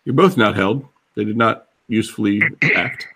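A man's voice: fairly low pitch, moderate pace, sharp tone. A man running a tabletop fantasy game as game master, casual and playful with chuckling asides.

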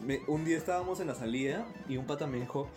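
Young man, rapid casual chat, frequent swearing, clear music behind. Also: a little high.

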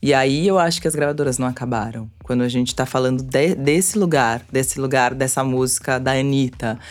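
Woman, low-pitched voice, casual chat, informal, self-deprecating, radio presenter as guest. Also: a little fast. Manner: informal, self-deprecating, uses playful mimicked quotes.

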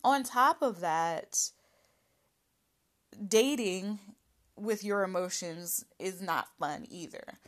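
A woman's voice: mid-range voice, slow pace, pauses often. Young woman spilling her feelings on camera, swears a lot, laughs a lot, real chatty. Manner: frank and animated, laughing often, swearing freely. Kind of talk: candid personal monologue.

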